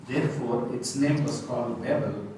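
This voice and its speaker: A man reads a scripture passage aloud to a study group at a steady pace. He sits far from the mic in a very echoey room, and a clear hiss runs behind him. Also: medium pitch, moderate pace. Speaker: scripture reader in a Bible study.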